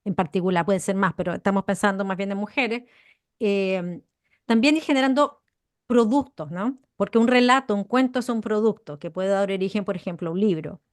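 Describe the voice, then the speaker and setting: A woman co-hosting a podcast, explaining ideas in an animated conversational way and stressing key words. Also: mid-range voice, brisk, no room sound, studio quality. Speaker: podcast co-host.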